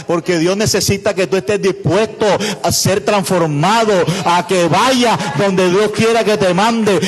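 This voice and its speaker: A man's voice: high-pitched, big-room sound. A man, a pastor, preaching a sermon with repeated phrases and calls to the congregation. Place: church.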